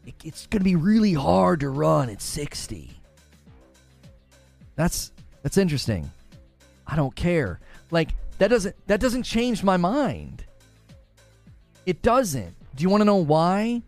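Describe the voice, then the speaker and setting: A man's voice: high-pitched, sing-song, takes it slowly, vocal fry, pauses often, a little mellow, soft background music. A man from Northern Ohio on a live stream, bantering playfully with chat and laughing often. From Northern Ohio, USA. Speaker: gaming streamer.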